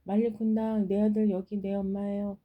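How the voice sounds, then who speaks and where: A woman voicing a poor, loving old fisherwoman mother in a folktale, speaking gently and pleadingly. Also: mid-range voice, flat delivery, moderate pace, phone-quality sound, lightly acted. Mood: desperate.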